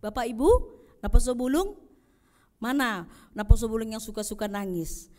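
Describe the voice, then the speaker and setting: A woman pastor delivers an Easter sermon in a fairly high voice. She preaches with swings between loud, rising calls and soft, low passages, and she puts questions to the congregation. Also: moderate pace.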